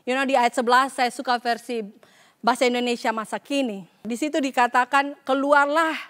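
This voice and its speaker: Woman pastor, high voice, preaching into a stage mic at a church service, slips in English phrases. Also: steady tone, a little fast, fairly bright tone. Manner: acts out voices when quoting scripture. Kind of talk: sermon.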